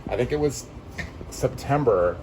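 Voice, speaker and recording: Easygoing man chatting, soft noise behind. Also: medium pitch, lively intonation, measured pace, rough recording. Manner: listens with short agreeing replies, laughs along. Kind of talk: casual chat.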